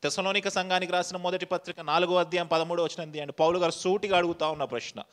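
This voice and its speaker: A man's voice: high-pitched, steady tone, quick pace, fairly bright tone. A male pastor giving a sermon, firing rhetorical questions at the congregation and dropping English phrases into his preaching.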